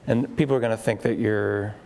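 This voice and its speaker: A man working as a therapist in a live demonstration before a group, coaching a client with quick probing questions and repeated words. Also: fairly low pitch, steady tone, creaky, a little mellow, slight background noise. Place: room with an onlooking group.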